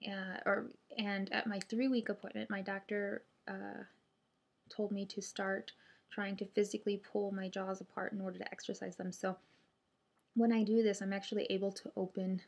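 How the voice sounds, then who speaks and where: A woman's voice: mid-range voice, little pitch movement, normal speed, vocal fry, a little mellow. A woman chatting casually to camera as a vlogger, hesitant and thinking aloud, speaking with a stiff mouth and limited jaw opening after jaw surgery. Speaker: vlogger sharing surgery recovery update.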